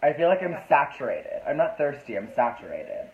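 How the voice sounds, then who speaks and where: A man's voice: a little high, very animated, moderate pace, echoey room, phone-quality sound. A man hosting a casual live-stream chat, flamboyant and talkative, reading out viewer comments. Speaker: host. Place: New York City.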